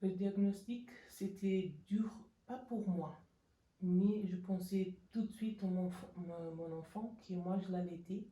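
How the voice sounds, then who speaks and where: A woman giving a hesitant anonymous testimony, her voice pitch-shifted deeper to hide who she is. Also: warm tone, echoey room, recorded from a distance, low-quality recording. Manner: halting, hesitant, with many restarts and fillers. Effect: voice pitch-shifted deeper to disguise it. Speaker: anonymous interviewee. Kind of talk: personal testimony.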